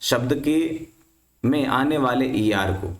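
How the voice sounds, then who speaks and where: A man's voice: medium pitch, slow. A man teaching a class, putting a question to his students and then answering it himself. His voice sits in a middle register. The room around him is echoey. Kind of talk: explaining English reading rules to students.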